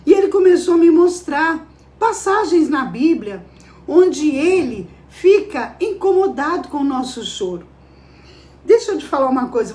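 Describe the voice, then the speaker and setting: A woman's voice: high-pitched, darkish tone, echoey room. A woman giving a devotional sermon, emphatic and full of rhetorical questions to her listeners. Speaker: preacher. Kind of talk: devotional preaching.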